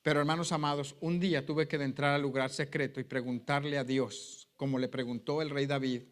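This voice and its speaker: A middle-aged man preaching a sermon, telling a personal testimony that swings from loud pleading to hushed, quiet tones. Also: a little high. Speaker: pastor.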